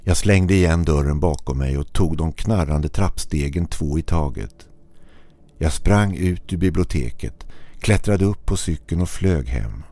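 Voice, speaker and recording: A man narrating a scripted horror story in a measured, steady way. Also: extremely low pitch, no echo.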